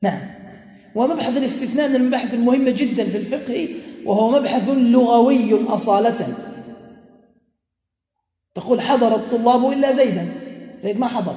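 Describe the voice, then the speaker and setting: A man teaching jurisprudence to a room of students, working through examples and firing questions at them. His voice is dark and mellow, with frequent chuckles. The sound rings with long reverb, as in a large hall. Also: very high voice, a little fast, pauses often. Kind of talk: classroom lesson.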